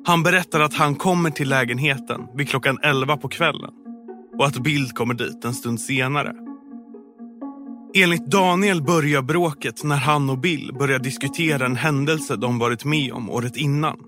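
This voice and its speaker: A man reading a scripted true-crime story in a calm, measured way as a podcast narrator. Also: medium pitch. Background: music.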